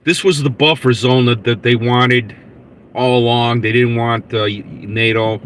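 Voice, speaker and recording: A man of sixty hosting a live podcast, talking in a rambling, halting way with many fillers and restarts. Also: medium pitch, steady tone, a bit bright, a little hiss or hum. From United States. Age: 60s. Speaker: podcast host reading live chat. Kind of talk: casual live-stream chat.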